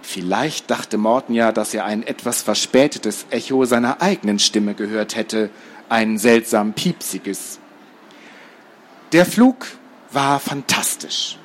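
A man reading a children's book aloud in a lively, expressive way. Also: on the low side, takes it slowly, a little hiss or hum. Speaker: storyteller.

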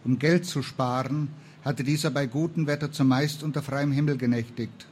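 A man reading a historical novel aloud in a calm, even storytelling manner. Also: medium pitch, moderate pace, slight background noise. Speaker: reader.

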